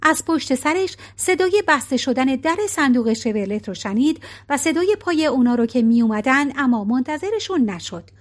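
A woman reading a novel aloud as audiobook narrator, in a calm, even storytelling manner. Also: high-pitched, few pauses.

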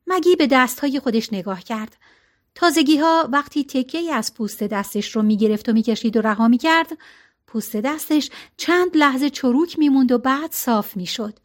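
High-voiced woman reading a novel. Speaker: audiobook narrator. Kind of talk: novel read aloud.

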